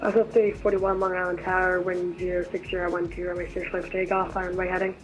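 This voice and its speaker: Controller, fast and monotone, over a cutting-out radio connection. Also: medium pitch, soft background music, low-quality recording. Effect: radio audio breaking up and cutting out. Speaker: air traffic controller in a flight simulation. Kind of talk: clipped radio phraseology.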